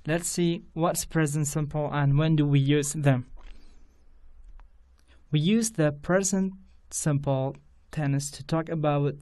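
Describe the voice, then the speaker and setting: A man's voice: on the high side, a little mellow. A man with a Kurdish accent, a native Kurdish speaker, teaching an English grammar lesson to students and repeating each example sentence with care.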